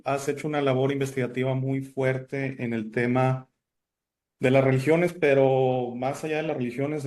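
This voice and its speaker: A man's voice: mid-range voice, darkish tone. Chatty Italian-born man hosting. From Italy. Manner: chatty, many fillers and restarts. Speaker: host. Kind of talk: casual interview chat.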